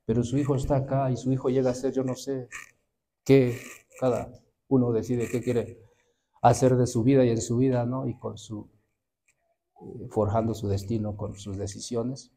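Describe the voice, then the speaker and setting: Preacher guy, 50s, mellow dark voice, tells stories to the congregation. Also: mid-range voice, flat delivery, moderate pace, long pauses. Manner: storytelling, acts out quoted voices, addresses the congregation. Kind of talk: sermon.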